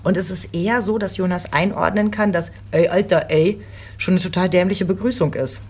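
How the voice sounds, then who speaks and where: Husky lower-voiced woman, 30s, chatty mom telling stories and doing the voices. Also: a little fast. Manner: lively storytelling, acts out quotes. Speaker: podcast co-host, mother. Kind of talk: casual chat.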